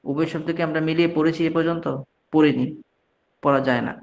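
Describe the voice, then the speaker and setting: A man's voice: a little high, steady tone, quick pace. A man from Bangladesh teaching an online class, patiently reading each short phrase aloud and then translating it, often cutting off and restarting a word. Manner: frequent restarts and mid-word corrections. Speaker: Arabic teacher.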